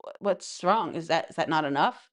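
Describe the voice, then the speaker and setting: A woman's voice: deep voice, lively intonation, moderate pace. A woman playing a generous old-school boyfriend. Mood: puzzled. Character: generous old-fashioned man treating his girlfriend.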